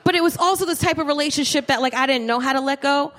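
A woman in her thirties doing stand-up on a club stage into a handheld mic, telling a story, profane and animated, talking to the crowd. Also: sits high, fast talker. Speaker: stand-up comedian. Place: comedy club stage with live audience. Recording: live show with faint room noise.

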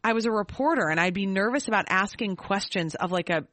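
A woman of about forty co-hosts a podcast in a loose, casual chat. She talks in a chatty, self-deprecating way at a mid pitch. The recording is dry and close. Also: fast talker, fairly bright tone, no room sound. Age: 40s. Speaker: podcast co-host.

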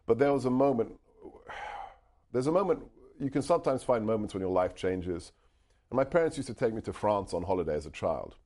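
A middle-aged man brought up in the UK and speaking Hungarian talks animatedly and a little fast in a lowish, darkish voice. Appearing as an author and guest, he tells a story earnestly and emphatically, often beginning phrases again.

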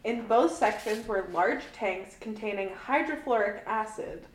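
A woman co-hosting a podcast, giving animated, laughing commentary on a movie in casual chat. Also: medium pitch, measured pace, a little hiss or hum. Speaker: podcast co-host. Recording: roomy room sound.

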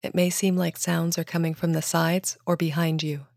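A woman's voice: lowish voice, level tone, normal speed, creaky, darkish tone, dry recording, clean studio sound. A woman reading a scripted listener advisory as an announcer.

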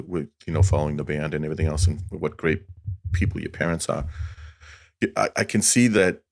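A man with a very deep voice co-hosting a music podcast. He talks in a loose, conversational way and often chimes in. The sound is dry and close, with no room echo. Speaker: podcast co-host. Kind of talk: casual podcast chat.

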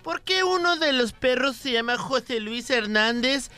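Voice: sits high, lively intonation, a little slow, sharp tone, soft background music. A radio co-host telling a joke and egging the host on. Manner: eggs on the host, tells jokes.

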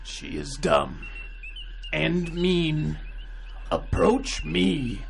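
A man's voice: fairly high pitch, big pitch swings, very slow, a little hiss or hum, heavily acted. A man playing a sly, evil talking book in an audio comedy drama, coaxing and sinister in an unearthly voice. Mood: scheming. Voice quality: unearthly, gravelly whispery voice.

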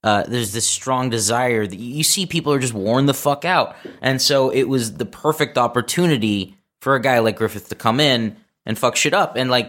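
A man co-hosting a podcast in a loose, casual discussion. His voice sits at a middling pitch, and his talk is animated and profane, with frequent restarts. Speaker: podcast co-host.

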